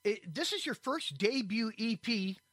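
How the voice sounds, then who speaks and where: Bright high-voiced enthusiastic male podcast host. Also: expressive, measured pace, no echo. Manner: effusive, friendly, calls guests man and brother. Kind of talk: enthusiastic interview hosting.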